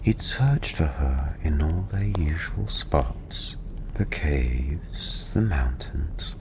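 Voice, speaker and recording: A storyteller reads scripted fantasy bedtime narration for ASMR in a low, slow, soft and breathy half-whisper that is still animated. The delivery is soothing, hushed and unhurried over constant, clearly audible ambience of a crackling tavern fire.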